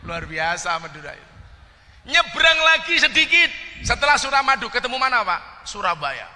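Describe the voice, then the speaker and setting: A man's voice: extremely high pitch, very animated, moderate pace, bright, forceful tone. A man with a Javanese accent preaching a joking sermon to a gathered audience, teasing them about regional dialects and throwing questions at the crowd. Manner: addresses the crowd directly with questions. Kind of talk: humorous religious sermon. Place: religious gathering before an audience. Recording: long hall reverb, faint background noise.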